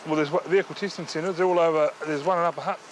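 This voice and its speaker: A man's voice: fairly high pitch, steady tone, very fast. A man with a New Zealand accent, a police officer explaining and instructing in a firm, matter-of-fact way. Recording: outdoor location sound, vehicle noise.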